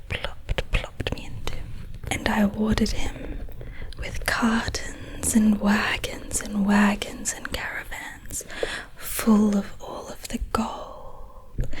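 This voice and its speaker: A proud, playful storybook leprechaun, acted out by a woman in a whispered role-play. The voice is hushed and very slow, lingering over repeated words with haughty, quaint phrasing. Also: mid-range voice, natural voice, low-quality recording. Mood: smug storytelling. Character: proud, mischievous leprechaun collector of trinkets and treasures.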